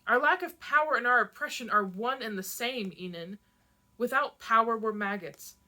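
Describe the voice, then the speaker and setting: A young rebel girl lashes out in anger and fear, her voice unsteady, as a woman reads her aloud. The tone is bright and cutting. It is a plain read-aloud of a novel. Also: fairly high pitch, moderate pace. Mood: furious. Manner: heated, shaking with anger.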